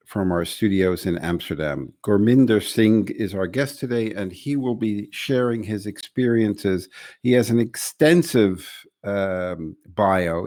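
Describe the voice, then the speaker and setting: A man hosts a webinar from a studio, with a voice that sits very low. He reads a promotional opening and then introduces his guest. When he leaves the script he gets a little hesitant. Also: a little mellow. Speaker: podcast host.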